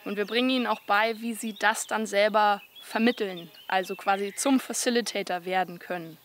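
A woman in her forties, a workshop facilitator, calmly explaining a theatre program in an interview outdoors. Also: medium pitch, moderate pace, a little hiss or hum. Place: outdoors under a tree.

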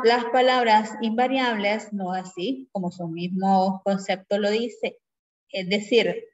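A woman teacher giving a grammar lesson who explains patiently and keeps checking in with her class through quick tag questions. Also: fairly high pitch. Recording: dull lo-fi recording.

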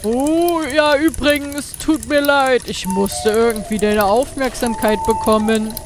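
A woman voicing an eccentric, kindly skeleton gentleman inventor in game dialogue, theatrical and drawn-out. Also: on the high side, fairly even intonation, background noise, natural voice. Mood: apologetic. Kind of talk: game dialogue read aloud.

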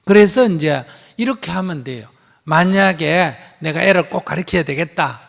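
A man's voice: a little high, lively intonation, normal speed, creaky. A man with a Gyeongsang accent, a Buddhist monk answering questions in a live teaching, blunt and emphatic, acting out bits of dialogue. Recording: hall reverb.

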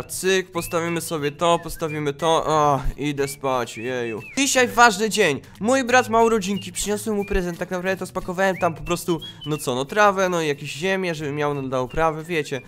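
Excitable high-voiced young man gamer. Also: moderate pace, hardly any pauses, a little hiss or hum. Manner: excitable, playing a whiny kid. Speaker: gaming YouTuber. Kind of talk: game role-play commentary.

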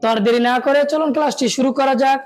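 A woman's voice: high voice, fairly even intonation, quick pace, a little mellow. A woman teaching Arabic letters, patiently calling out each one and asking and answering her own questions. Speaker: Quran reading teacher.

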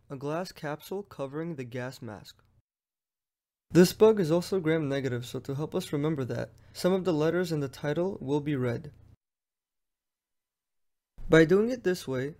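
A man's voice: fairly high pitch, darkish tone. A young man, friendly and explanatory, narrating a drawing lesson for a medical exam as its host.

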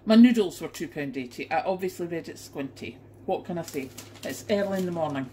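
A woman's voice: fairly low pitch, animated, fairly quick, warm tone, slight background noise, poor audio. Chatty middle-aged British woman in her kitchen. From United Kingdom. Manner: chatty and exclamatory, indignant about prices. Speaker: vlogger showing a grocery haul. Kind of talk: casual chat to camera. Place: home kitchen. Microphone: camera pointed down at a kitchen counter.

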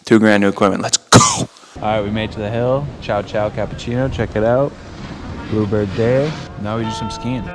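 A man's voice: on the low side, normal speed. A man in his twenties hosting a casual, joking vlog, talking straight to a handheld camera and swearing casually. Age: 20s. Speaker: vlogger and host. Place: ski hill outdoors and indoor lodge rooms. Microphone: handheld action camera at arm's length.

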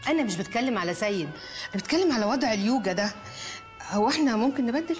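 A woman's voice: a little high, lively intonation, very fast, faint music behind, lightly acted. An actress with an Egyptian Arabic accent playing a fussy, doting middle-aged wealthy mother in a TV comedy series.

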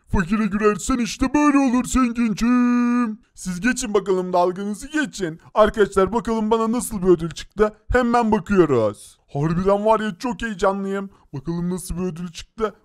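Minecraft cartoon, excitable boy racer voiced by a man, high voice, gasping, laughing. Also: measured pace, hardly any pauses, clean tone. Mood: excited. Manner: excitable, gasps and laughs often. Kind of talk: Minecraft animation voice acting.

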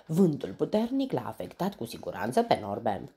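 A woman voicing a small, frightened, squeaking mouse in a children's storybook. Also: huge pitch swings, warm tone, exaggerated voice.

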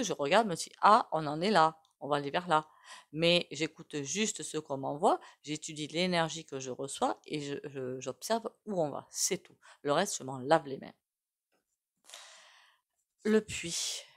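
A woman with a low voice and a regional French accent reads tarot cards in a relaxed, spoken way. She muses aloud and drifts from thought to thought as if chatting with her viewers. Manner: musing aloud, loose and conversational. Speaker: tarot reader and psychic. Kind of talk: casual spoken tarot reading.

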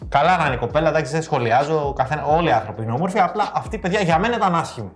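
A man co-hosting a show, telling funny stories in a lively way and acting out the lines of the people in them. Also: a little high, soft background music. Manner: lively, acts out quoted lines. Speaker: co-host. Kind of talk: casual comedic storytelling.

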